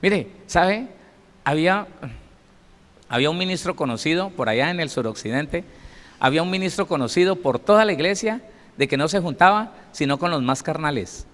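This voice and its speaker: A man preaching a sermon as pastor, emphatic and lively, acting out scenes. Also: fairly high pitch, fairly quick. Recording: long reverb of a large hall.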